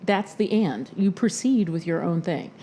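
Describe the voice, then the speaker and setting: A woman's voice: lowish voice, expressive, unhurried, warm tone. A woman hosting a casual podcast chat, talking loosely with lots of fillers and laughter. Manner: chatty, laughing, heavy on fillers. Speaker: podcast host.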